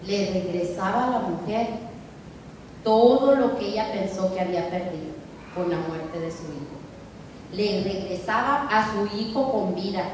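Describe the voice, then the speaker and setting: A woman's voice: mid-range voice, unhurried, a little mellow, slight background noise. A woman preacher giving a sermon, calling her listeners sisters and acting out Jesus' words. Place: church hall. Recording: echoey hall recorded from far off.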